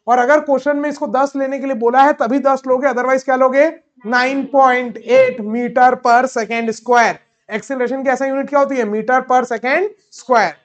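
A man teaching a physics lesson in Hindi mixed with English terms. He keeps asking questions and answering them himself, and he slows right down when dictating. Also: very high voice, steady tone, lo-fi sound. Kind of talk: classroom physics lecture.

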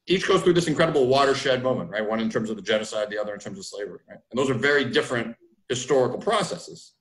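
Man, academic speaker, explains at length, mid-pitched voice, echoey home room over a video call. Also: animated, fast talker, a bit bright. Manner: thoughtful, restarts phrases, frequent "right?" tags. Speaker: historian guest speaker. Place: home room with framed pictures. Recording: roomy video call audio.

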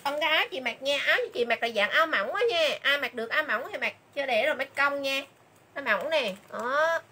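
High bright woman selling clothes. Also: brisk. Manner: repeats item names and prices over and over; chatty, calls viewers "dear sisters". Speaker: livestream clothing seller. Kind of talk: livestream sales pitch.

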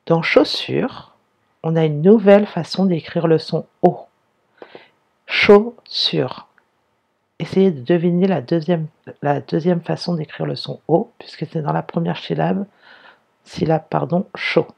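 A primary school teacher giving a slow, careful reading lesson to young pupils, sounding out and spelling words one by one. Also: medium pitch, creaky, slightly rough, muffled recording.

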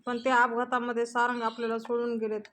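A tearful young widow, reproachful and pleading, in a fairly high, flat voice, as a woman storyteller reads her part. Her grief comes through in her words more than in any change of voice. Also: fast, close to an everyday voice. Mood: accusing.

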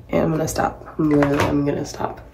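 Deep and gravelly, this woman's voice comes through a reverberant, rough recording made on the built-in mic of a close-up laptop or phone. She's a Hawaiian professional tennis player in her twenties, casually chatting to camera as she gets ready in a small bathroom, drifting into rambling, self-mocking asides.

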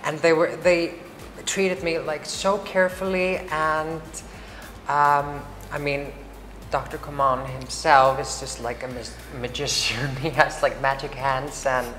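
A woman from Iceland with a low voice gives a chatty, casual interview, filling it with fillers and restarts. There's little movement in her pitch; her tone is fairly bright and her pace measured. A lapel mic records her in a big, bright hall with wood screens, amid roomy echo, faint ambience and slight background noise.

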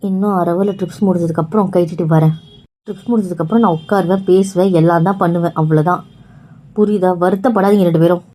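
A woman speaks quickly in a low, mellow voice. She sounds soft and tired as she reassures her family in a family drama. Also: steady tone. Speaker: sick daughter in a family web series.

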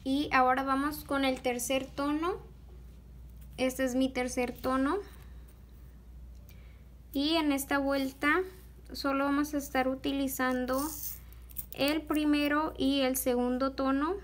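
A young woman giving a slow, patient, step-by-step beadwork tutorial, pausing often on fillers as she works. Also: high voice, little pitch movement.

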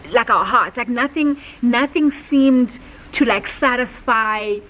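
A young woman tells a story in a casual sit-down home vlog, animated and heartfelt, with many filler words. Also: on the high side, takes it slowly, rough recording. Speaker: vlogger. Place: home, indoors.

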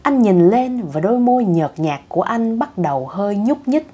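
A woman's voice: medium pitch, lively intonation, normal speed, mellow, husky. A woman narrating short funny stories in an audiobook, reading each line twice, in two languages. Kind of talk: slow bilingual story reading.

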